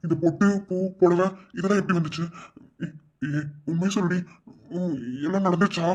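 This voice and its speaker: A woman's voice: fairly low pitch, steady tone, moderate pace, a little mellow, highs cut off, close to an everyday voice. A woman voicing a defensive, flustered young man in a cartoon, with a Madurai Tamil accent. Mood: stern. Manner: defensive, blustering, threatening. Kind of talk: cartoon voice acting.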